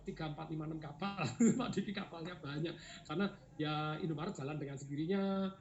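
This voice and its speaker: Energetic high-voiced seminar man. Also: slight background noise. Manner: energetic, laughing, urging the audience to shout. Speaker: seminar speaker. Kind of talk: motivational seminar talk. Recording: roomy, dull lo-fi sound.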